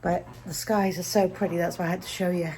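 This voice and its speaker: A woman chatting casually to her vlog, raising her voice loudly over the wind outdoors. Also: fairly low pitch, level tone, a little fast. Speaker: vlogger. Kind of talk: casual daily vlog chat. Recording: windy outdoor noise.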